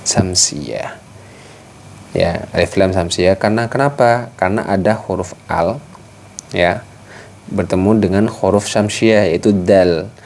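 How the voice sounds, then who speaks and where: A man teaching Quran recitation rules in a patient, explanatory way, breaking into slow chanted examples. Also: sits low, a little mellow, slight background noise. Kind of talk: tajwid lesson with recited examples.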